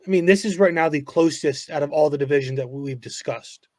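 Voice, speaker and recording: Higher-voiced man steering a sports podcast. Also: a little fast, no room sound, studio quality. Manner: asks questions to steer the talk. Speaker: podcast co-host. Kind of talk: casual sports chat.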